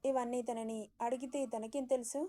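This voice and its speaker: Woman narrating a serial story, mellow. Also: fairly high pitch, flat delivery, moderate pace.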